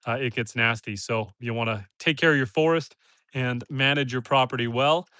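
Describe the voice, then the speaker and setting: Out in a forest pen on his homestead, a northern Canadian man with a stuffy nose livestreams casually, speaking to viewers and his animals. At normal speed, his mid-range voice comes across pushed, bright, clear, and resonant, with clean studio sound and no room tone.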